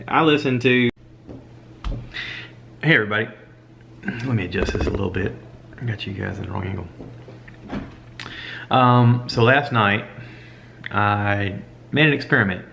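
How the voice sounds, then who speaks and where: Low-voiced man chatting casually to camera. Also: vocal fry, fairly bright tone. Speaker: podcaster vlogging to camera. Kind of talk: casual chat, stream of consciousness. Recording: dull lo-fi camera audio, light background noise.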